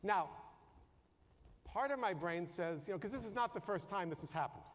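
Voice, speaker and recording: A man with a high, light voice gives a humorous storytelling talk to a conference audience. He is animated and keeps firing questions at the crowd. His voice rings with the long reverb of a large hall. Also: moderate pace. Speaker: conference speaker. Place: conference room before an audience.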